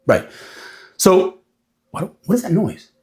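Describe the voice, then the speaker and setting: Man, casual talk, animated and lively, slightly higher voice. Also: slow pace. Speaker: speaker.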